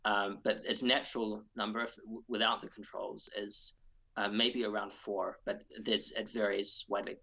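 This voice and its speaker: Bright-voiced New man on a call. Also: on the low side, level tone, creaky. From New Zealand. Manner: careful, measured explaining with many fillers. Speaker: guest geneticist. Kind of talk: interview answers. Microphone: video call. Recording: dull lo-fi video call audio.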